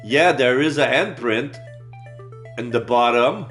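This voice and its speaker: A man's voice: mid-range voice, slow, a bit bright, faint music behind. A man playing a video game, reading its dialogue aloud and commenting as he goes.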